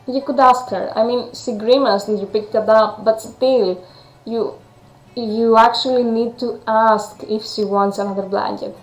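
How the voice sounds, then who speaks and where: Playing through a visual novel, a woman from Greece reads the text aloud in accented, non-native English and adds chatty commentary. Her voice is on the high side. The recording is rough, in an echoey room.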